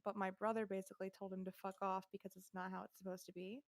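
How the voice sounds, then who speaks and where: A woman's voice: mid-range voice, flat delivery, fast, no echo. A young adult woman co-hosting a podcast, talking frankly and laughing through tough family stories. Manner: frank, laughs while telling hard things. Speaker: podcast co-host. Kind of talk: casual chat.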